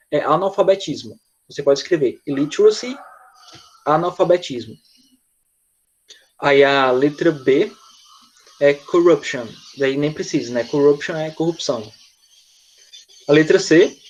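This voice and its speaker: A man teaching a live online class, slightly higher-pitched than most men. He explains slowly and checks in often with his students. The audio is muffled and lo-fi, as if from a computer mic. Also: darkish tone, a little hiss or hum. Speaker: English teacher.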